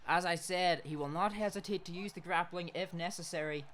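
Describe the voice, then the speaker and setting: Excitable man doing fight commentary. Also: sits high, fairly quick, slight background noise. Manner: excitable, shouts at big hits. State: losing his voice from shouting. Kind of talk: play-by-play commentary.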